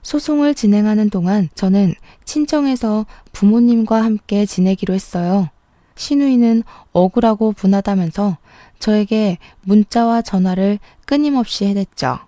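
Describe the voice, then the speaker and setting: A woman narrates a scripted first-person story in a steady, matter-of-fact way, her lines to others turning sharp-tongued. Her voice is dark and mellow at a middle pitch, and the recording is dry and close. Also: normal speed, no echo.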